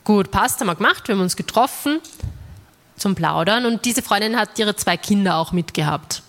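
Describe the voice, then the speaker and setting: A woman's voice: mid-range voice, normal speed. A woman from Austria telling a stand-up story, acting out the dialogue and talking to the audience. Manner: lively, acts out dialogue with an audience. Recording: reverberant hall.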